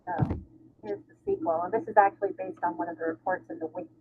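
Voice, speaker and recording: A woman's voice: medium pitch, big pitch swings, fast talker, gravelly, breathy edge. A woman on an online meeting, explaining her question step by step with a slightly apologetic manner, her voice sounding muffled and tunnel-like through a poor microphone. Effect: muffled tunnel-like sound from a bad microphone. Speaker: library staff member asking a question. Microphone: poor computer microphone on a video call. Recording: tinny, muffled call audio with faint noise.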